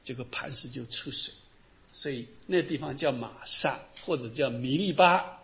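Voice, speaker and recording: A middle-aged man, a pastor, preaching a sermon and telling Bible stories in an animated way. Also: medium pitch, moderate pace. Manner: animated storytelling, acting out the people in the Bible stories.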